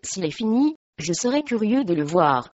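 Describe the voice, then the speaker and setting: A woman's voice: medium pitch, sing-song, moderate pace, darkish tone, no room sound, muffled recording. A woman reading the part of a stern, irritable medieval lord who scolds his household.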